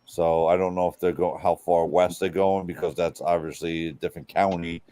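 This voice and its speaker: A man's voice: deep voice, little pitch movement, normal speed, warm tone, a little hiss or hum. A man in casual chat, blunt and given to rambling.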